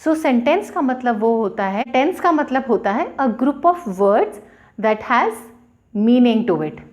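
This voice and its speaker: A woman teaching English in a slow, deliberate way, stopping to spell out letters and break words into syllables. Her first language is Hindi, and her voice sits high and swings widely in pitch. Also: lively intonation. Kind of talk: bilingual classroom explanation.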